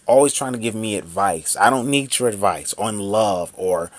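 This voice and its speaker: Fairly low-pitched and speaking at an ordinary pace, a thirty-something vlogger vents his anger straight to camera, cursing constantly and going over the same points again and again.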